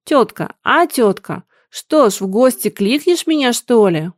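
A woman's voice: a little high, expressive, measured pace, no room sound, studio quality. A woman voicing a cocky young peasant man who talks in a mocking, jokey way. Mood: teasing.

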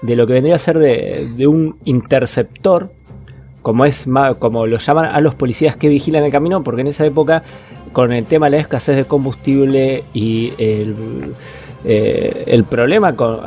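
This podcast co-host speaks Spanish with an Argentine accent and has a medium-pitched, slightly mellow voice. He chats loosely about movies, using plenty of slang and swear words.

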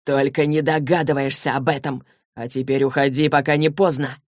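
A woman's voice: a bass voice, flat delivery, moderate pace, darkish tone, dry recording, studio quality, pitched below the performer's own voice. A woman reading as cocky young male demon hunter. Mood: mocking. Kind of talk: audiobook reading.

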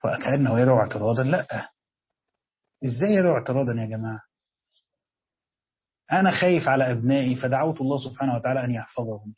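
A man with an Egyptian accent teaching a classroom lesson on Quran commentary, reading the text slowly and then explaining quickly and quizzing his students. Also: mid-range voice, husky, muffled recording.

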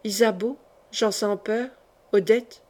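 A woman's voice: medium pitch, steady tone, slow pace, dark tone, close to an everyday voice. A woman voicing a brave, fiery young male knight in a French audiobook, with growled, fierce declarations.

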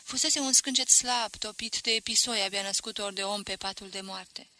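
A woman narrates a novel as an audiobook, measured and expressive. Her voice is very bright and sharp. It is recorded close on a studio mic, dry and free of echo. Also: medium pitch. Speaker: audiobook reader.

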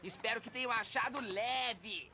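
An actor voicing a wistful, easygoing cartoon zebra with an expressive, joking way of talking. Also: male voice, very high-pitched, unhurried, background noise. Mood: showman joking. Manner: wisecracking, expressive.

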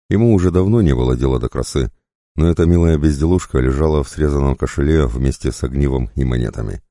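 Male audiobook narrator, extremely low and dark voice, measured delivery, very dry close sound. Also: no echo.

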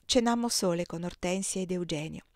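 A woman reading a novel aloud in a soft, measured storytelling voice. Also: lowish voice, dry recording, studio quality. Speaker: audiobook reader. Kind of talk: audiobook narration.

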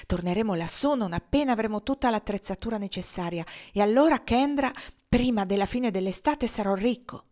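A woman reading the lines of an eager, restless young man who talks fast and with youthful enthusiasm. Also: medium pitch, a little mellow, natural voice. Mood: excited. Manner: hurried, enthusiastic.

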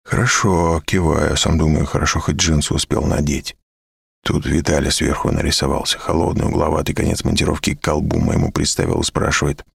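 A man narrating a story in first person, calm and wry. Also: rumbling low, fairly quick, creaky, slightly rough, no echo, clean studio sound.

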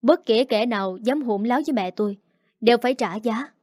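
A woman's voice: on the high side, brisk, a little mellow, no room sound, studio quality, close to an everyday voice. A woman voicing a hot-tempered young husband who is devoted to his mother and talks in a cold, stern, threatening way.

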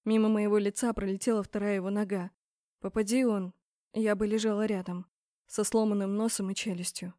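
A woman's voice: medium pitch, flat delivery, a little fast, dark tone, dry recording, studio quality. Woman narrating a tense fantasy audiobook. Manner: tense, dramatic storytelling. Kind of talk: first-person audiobook narration.

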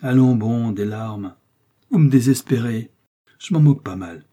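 A man's voice: mid-range voice, a little slow, warm tone, natural voice. A man voicing a mocking, scheming merchant. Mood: dismissive. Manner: mocking, ironic, bullying. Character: scheming cold male shop merchant moneylender.

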